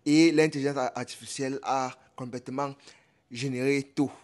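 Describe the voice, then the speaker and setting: A man's voice: mid-range voice, steady tone, normal speed, a little mellow. Man explaining patiently. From Cameroon. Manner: repetitive, patient explaining with examples. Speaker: tech tutorial presenter. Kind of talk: casual explanatory tutorial.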